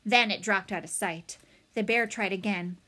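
A woman reading a children's novel aloud in a dramatic, expressive way. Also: mid-range voice, moderate pace. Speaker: audiobook reader. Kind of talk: storybook read-aloud.

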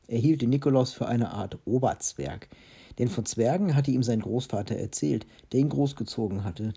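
Gravelly, husky man reading aloud. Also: medium pitch. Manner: expressive, then chatty in the outro. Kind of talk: reading a children's book aloud.

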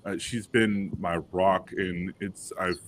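A man, telling a personal story on a panel, halting with fillers and restarts but animated when quoting others. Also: deep voice, a little hiss or hum. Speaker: panel guest father.

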